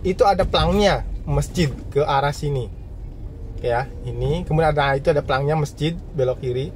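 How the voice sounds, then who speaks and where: A man's voice: on the high side, a little hiss or hum. A man vlogging from a moving car at night, chatting casually and guiding viewers along the road. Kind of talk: casual driving commentary.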